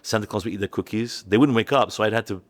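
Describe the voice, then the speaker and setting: A middle-aged man telling personal stories as a podcast guest, halting and restarting his sentences, and acting out family members' voices when he quotes them. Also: lowish voice. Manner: halting, with many restarts and repeated words. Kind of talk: candid personal storytelling.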